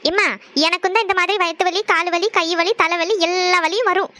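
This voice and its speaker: A woman voicing an indignant younger schoolgirl sister who complains loudly. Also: very high-pitched, fairly even intonation, fairly quick, dry recording. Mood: complaining. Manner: whiny, complaining.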